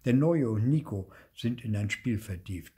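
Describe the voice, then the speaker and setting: An older man reading a children's story aloud in a lively, expressive way, with a husky voice. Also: on the low side, measured pace. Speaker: storybook reader.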